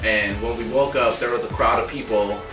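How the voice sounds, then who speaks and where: With a fairly low, evenly intoned voice and a slightly fast pace, a young man vlogs casually about his life, peppering his storytelling with "like" in a relaxed manner. The mic is distant, so the sound is roomy, and music plays in the background.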